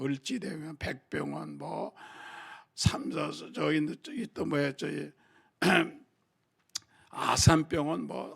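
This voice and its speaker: An older man, a senior pastor, preaching a sermon, animated, swinging from quiet asides to shouting. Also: a little high, gravelly.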